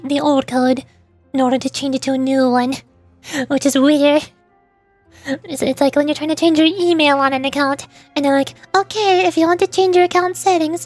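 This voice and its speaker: A woman VTuber livestreamer chats casually in a high, slightly mellow voice that is starting to wear out. She rambles and often interrupts herself.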